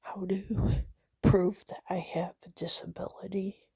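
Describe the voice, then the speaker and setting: Nervous whispering woman, halting speech. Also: fairly low pitch, flat delivery, creaky, dark tone, husky, dry recording. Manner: whispering, halting, many fillers and restarts. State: nervous and shaky. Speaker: vlogger. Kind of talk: personal confessional vlog.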